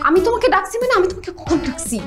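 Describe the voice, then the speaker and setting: An actress playing a nervous young woman who stammers and hushes her boyfriend. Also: very high-pitched, very animated, racing, soft background music, full character voice.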